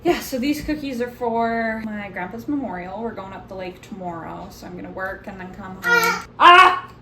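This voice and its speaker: A chatty woman rambles through a casual vlog, laughing easily between her stories. Her voice sits at an ordinary middle pitch. Steady background noise runs behind her the whole time. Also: normal speed. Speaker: baking vlogger. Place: at work in a kitchen.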